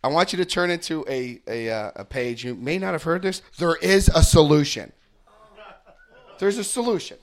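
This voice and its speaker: A slightly high-voiced man speaking at a normal pace, with a New Jersey accent, is a recovery workshop speaker. He leads a group through a book, telling jokes and stories and checking in often with his listeners.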